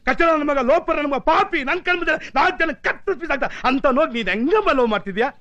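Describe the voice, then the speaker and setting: An actor playing a loud, indignant local tough man who talks in fast, excited bursts. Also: extremely high pitch, exaggerated voice. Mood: agitated. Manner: excitable, rapid, exclamatory. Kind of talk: film dialogue.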